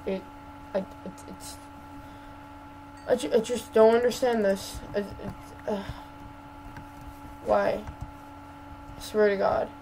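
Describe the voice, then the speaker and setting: A woman's voice: mid-range voice, steady tone, takes it slowly, pauses often, dark tone, slight background noise, rough recording. A woman giving casual gameplay commentary as a channel host, stammering and repeating words while ranting in exasperation.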